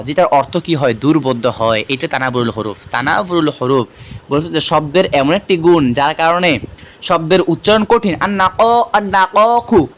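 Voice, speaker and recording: A fairly high-voiced man walks through an online madrasa lesson. He goes step by step, repeats each term and stops often on fillers. Faint noise sits under the recording. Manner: explains step by step, repeats key terms, frequent fillers. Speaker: madrasa teacher. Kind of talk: online exam-prep lesson.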